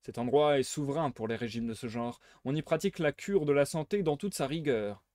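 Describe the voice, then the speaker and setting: Man reading a smug, playful gentleman burglar, dry recording, everyday register. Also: mid-range voice, brisk, no echo, lightly acted. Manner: playful, teasing, smugly theatrical. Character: suave mocking gentleman thief, adult man. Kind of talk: live reading of a novel aloud.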